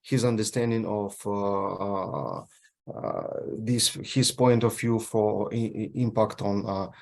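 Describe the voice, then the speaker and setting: Halting man moderating a panel. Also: fairly low pitch, creaky. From Ukraine. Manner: halting, many filler sounds and restarts. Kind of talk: online panel discussion. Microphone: video call.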